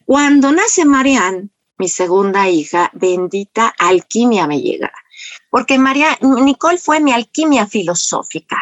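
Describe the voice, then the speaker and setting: A middle-aged woman with a Mexican accent, telling a personal story in a lively, conversational way, often asking the audience rhetorical questions. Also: fairly high pitch, unhurried, dry recording, lo-fi sound. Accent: Mexican Spanish. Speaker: speaker sharing personal story. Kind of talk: conversational talk.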